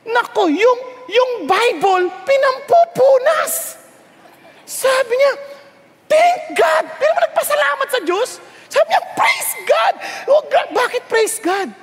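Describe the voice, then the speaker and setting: A man preaching a sermon in mixed Tagalog and English, telling stories in an animated way and often asking the crowd questions. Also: very high voice, a little slow. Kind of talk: Taglish sermon. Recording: long hall reverb.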